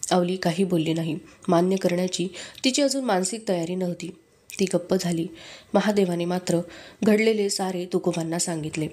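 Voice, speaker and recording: A woman reading a book aloud in a steady, measured narration. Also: fairly low pitch, breathy edge. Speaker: book reader.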